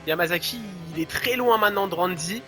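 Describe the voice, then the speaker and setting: A man's voice: high-pitched, a little fast, sharp tone, a little hiss or hum. A man giving live play-by-play as a motorsport commentator on a motorcycle racing game.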